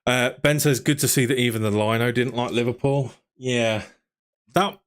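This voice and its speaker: A man's voice: medium pitch, steady tone, moderate pace, smooth. A young man, hosting a casual football podcast, chatting and reading out viewer comments. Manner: chatty, reads out viewer comments and asks questions. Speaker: podcast host.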